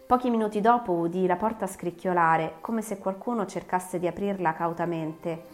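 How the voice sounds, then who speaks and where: Woman narrating a dark tale. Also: on the low side. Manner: measured, dramatic storytelling. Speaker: audiobook narrator. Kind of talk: scripted narration.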